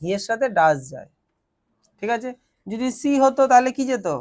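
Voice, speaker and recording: A man's voice: very high-pitched, lively intonation, moderate pace, a crowd in the background. A man teaching a grammar lesson in a classroom, explaining step by step and quizzing his students as he goes.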